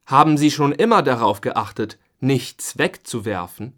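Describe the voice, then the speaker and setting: A man presenting a segment and asking interview questions in a scripted listening-test recording, in a neutral, even reading. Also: medium pitch, a little slow.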